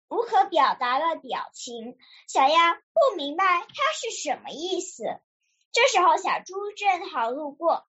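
A young girl with a high voice tells a children's story for a radio show. She reads earnestly and carefully, stumbling now and then. The recording sounds slightly muffled. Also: a bit bright. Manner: earnest, careful read-aloud with small slips. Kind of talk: reading a children's story aloud. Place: radio program.

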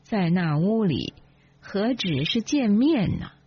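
一位女性朗读者演绎一个说话尖刻、满含讥讽、醋意十足的年轻妻子，嗓音略带沙哑。. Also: female voice, medium pitch, big pitch swings, slow, husky, heavily acted. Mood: sarcastic. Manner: sarcastic, cutting. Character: sharp-tongued jealous young wife. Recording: dull lo-fi, dry.

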